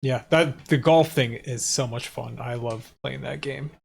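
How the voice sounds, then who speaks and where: Relaxed chatty male stream host. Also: medium pitch, a little slow, vocal fry, slightly rough. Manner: relaxed, chatty, laughs easily. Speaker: restream host. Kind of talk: casual race commentary chat.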